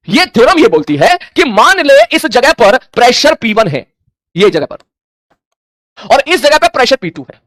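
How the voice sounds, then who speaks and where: His voice is extremely high and fairly bright as he lectures on physics in Hindi mixed with English terms. Throughout, he voices students' questions in dialogue form, captured in clean studio sound with no room tone.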